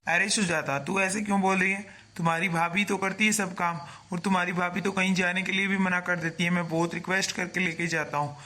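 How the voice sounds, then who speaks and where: A man plays a grown son who firmly takes his wife's side and tells his sister off. His voice is high for a man and bright, and his tone is reproving, in an amateur family skit. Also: level tone, fairly quick. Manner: firm, reproving.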